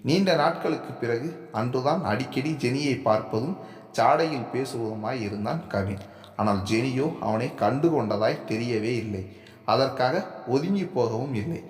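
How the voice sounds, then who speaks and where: A man narrating a serialized family story in a steady, measured reading voice. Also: mid-range voice. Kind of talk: scripted narration. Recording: echoey room with long reverb.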